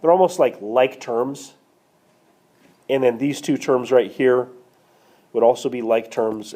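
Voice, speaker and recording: Casting: male classroom math teacher, coughing now and then, animated delivery, talks to students. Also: mid-range voice, slightly rough. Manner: checks in with students, asks questions. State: coughing, slightly hoarse. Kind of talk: classroom lecture screencast. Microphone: tablet screencast mic.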